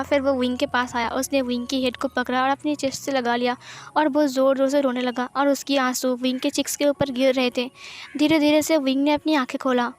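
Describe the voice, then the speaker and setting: A woman narrating a fan-fiction story in a steady, plain storytelling manner. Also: high-pitched.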